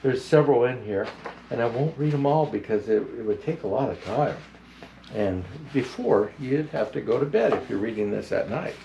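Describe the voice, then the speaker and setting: A man playing a jolly old Santa Claus who hosts a picture book reading in a gentle, halting, unhurried manner. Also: medium pitch, animated, creaky, muffled recording, a little hiss or hum. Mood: friendly, rambling.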